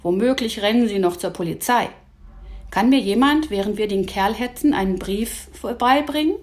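A woman's voice: medium pitch, moderate pace, darkish tone, lightly acted. A woman voicing a serious, earnest boy who reasons things out.

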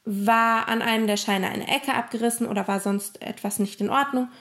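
A woman's voice: on the high side, fairly even intonation, normal speed, fairly bright tone. A stern cashier questions the boy in a firm, official way, as a woman reads him in a storybook. He is strict but not unkind. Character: stern middle-aged male bank cashier.

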